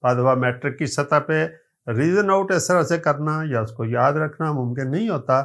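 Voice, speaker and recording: A man's voice: a little high, a bit bright. A man with a Pakistani accent teaching English vocabulary in a recorded lecture, spelling words out letter by letter and mixing Urdu with English terms. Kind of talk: recorded exam-prep lecture.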